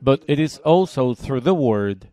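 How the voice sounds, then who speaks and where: Male preacher from Puerto Rico, mid-pitched, delivers a sermon in measured, emphatic phrases with pauses between them. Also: lively intonation, dark tone. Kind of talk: sermon, reading and explaining scripture. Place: church service.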